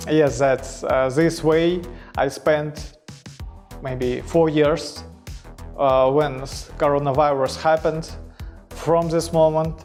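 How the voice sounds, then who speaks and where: Man, 30s, slow pace, fry in the voice, halting self-introduction. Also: a little high, darkish tone. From Kazakhstan. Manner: slow, hesitant, many fillers and broken phrasing. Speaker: crypto trader introducing himself. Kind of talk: self-introduction in halting non-native English.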